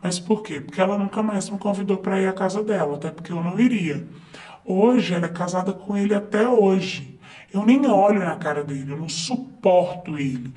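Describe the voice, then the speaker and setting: A man's voice: high voice, moderate pace, dark tone. A man narrating a first-person story in a conversational way, with fillers and asides to the listener.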